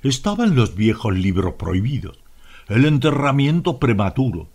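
A man's voice: mid-range voice, very animated, moderate pace, darkish tone, breathy edge. A man with a Latin American Spanish accent voicing a stern, suspicious inspector in an audiobook. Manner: curt, disapproving.

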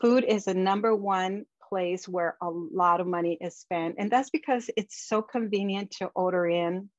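Presenting slides on a video call, a woman gives practical advice at a normal pace in a mid-range voice, often saying "um" as she talks conversationally. The webcam recording is dull and dry.

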